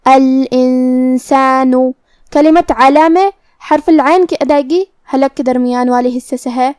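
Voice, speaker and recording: A woman with a high voice teaches the rules of Quran recitation. She goes through each letter in a calm, methodical way. The recording is dry and close, with no room sound. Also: no echo. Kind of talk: tajweed lesson, explaining rules.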